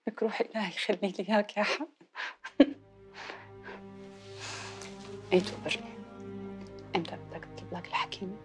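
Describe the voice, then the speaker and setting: An actress playing a devoted, anxious wife in a Syrian period television drama, speaking in a soft, coaxing, emotional and often breathy voice. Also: female voice, mid-range voice, fairly even intonation, rapid-fire, lightly acted. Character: devoted, pleading wife, anxious to please her husband. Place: furnished room indoors. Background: music.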